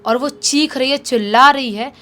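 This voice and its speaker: A woman's voice: high-pitched, normal speed. A young woman casually telling a true horror story, chatty and conversational. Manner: conversational, acts out shouted quotes.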